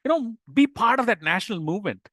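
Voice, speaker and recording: A middle-aged man with an Indian English accent gives a lively spiritual values talk, mixing in Hindi words and acting out little scenes. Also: sits high, fast talker, dry recording, studio quality. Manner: animated storyteller, mixes Hindi words, acts out little scenes. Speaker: speaker at a youth leadership session.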